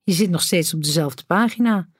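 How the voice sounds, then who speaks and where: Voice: mid-range voice, normal speed, husky, no room sound, studio quality, close to an everyday voice. A narrator voicing a charming, flirtatious Parisian man in an audiobook, speaking in a teasing way. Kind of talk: audiobook character voice.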